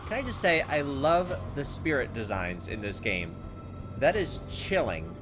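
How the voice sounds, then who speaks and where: With a medium-pitched, sing-song voice and an unhurried delivery, this gaming video host chats casually over a video game, voicing its on-screen text and responding to it. Video game music runs underneath his voice.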